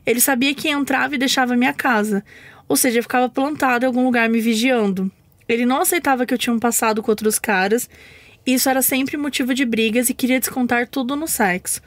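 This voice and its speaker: A woman's voice: a little high, no room sound. A woman from Brazil co-hosting a podcast, reading a listener's story in an easygoing way. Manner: easygoing, laughs along. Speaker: podcast co-host. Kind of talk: casual chat and story reading.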